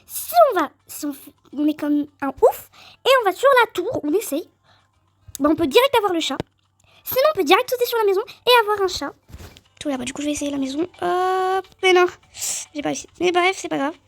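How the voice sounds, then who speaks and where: High-voiced, chatty woman doing game commentary. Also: brisk, no room sound, clean studio sound. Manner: chatty and excitable, addressing viewers directly. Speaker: gaming video creator. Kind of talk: let's-play game commentary.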